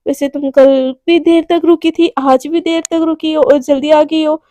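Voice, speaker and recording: Persistent young woman, playful and pleading, voiced by a woman storyteller, soft-toned, dry sound. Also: sits high, fairly even intonation, moderate pace, dry recording, close to an everyday voice.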